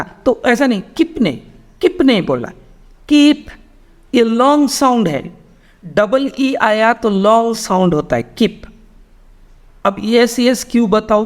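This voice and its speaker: A man with an Indian English accent teaching a spoken English class, explaining slowly and repeating words, with lively rises in pitch.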